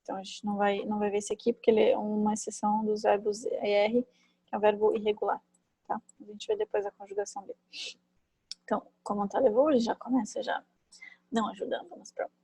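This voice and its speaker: A woman teaching a French class online, chatty and thinking aloud, with many fillers and quick tag questions, on a computer mic. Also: medium pitch, flat delivery, warm tone, slightly rough, no echo, poor audio. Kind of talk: online class, explaining grammar.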